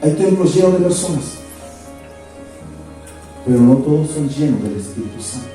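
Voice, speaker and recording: A man's voice: fairly high pitch, expressive, moderate pace, mellow. A male pastor preaching a fervent sermon, hammering points home in repeated lists. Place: church sanctuary. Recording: echoey church, distant mic, faint music.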